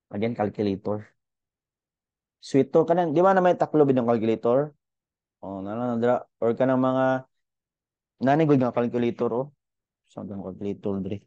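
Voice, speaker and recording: A man's voice: mid-range voice, warm tone, dry recording, dull audio. A young man teaching a casual physics lesson, chatty and thinking aloud with fillers as he goes through units.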